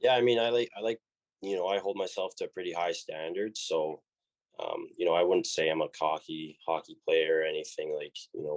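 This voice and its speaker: A young man's voice rumbles low on a low-quality recording. He's a college hockey player with a Canadian accent, answering interview questions in a laid-back way, full of fillers and restarts.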